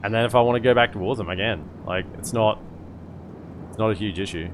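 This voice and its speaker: A man's voice: on the low side, fast talker, slight background noise. A man giving casual strategy game commentary as a streamer, thinking aloud as he goes. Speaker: gaming streamer. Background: game music.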